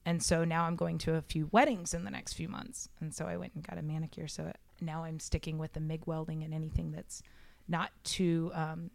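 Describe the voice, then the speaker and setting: A woman's voice: sits low, flat delivery, a little fast, vocal fry, dry recording. A woman guest on a podcast, chatting casually and self-deprecatingly with many fillers. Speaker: podcast guest, robotics club founder.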